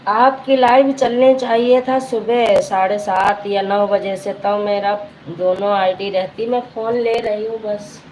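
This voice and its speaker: A woman's voice: mid-range voice, level tone, unhurried, darkish tone, slight background noise, poor audio. A woman, a folk singer chatting casually with viewers on a live stream, calling them sister and reading their comments aloud.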